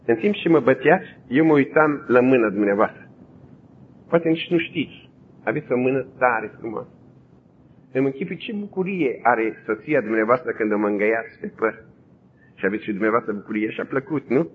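Calm devout young woman prisoner, voiced softly by a male preacher; tinny broadcast line. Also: natural voice. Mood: tender. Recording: tinny phone-like broadcast, faint rumble.

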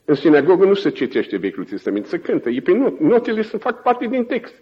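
A man preaching a sermon, telling stories in an animated way and often chuckling. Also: high-pitched, muffled recording.

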